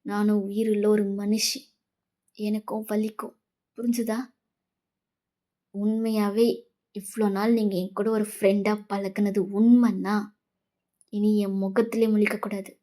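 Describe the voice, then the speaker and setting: A woman's voice: medium pitch, little pitch movement, unhurried, long pauses, mellow, lightly acted. A woman voicing a heartbroken young woman who pleads and accuses through tears, in a fan fiction voice-over. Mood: bitter.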